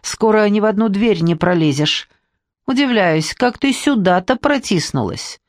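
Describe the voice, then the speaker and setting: A storyteller voicing a shrill, touchy, unkempt man with a high squealing voice, indignant and self-pitying. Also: animated, normal speed, dry recording, clean studio sound, close to an everyday voice.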